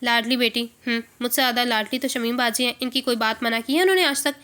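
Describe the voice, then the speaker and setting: A woman's voice: fairly high pitch, pushed and bright. A woman reading the part of a headstrong young woman who complains and pouts. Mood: sulky. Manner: complaining, pouting. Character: headstrong young woman, sulky and quick to anger.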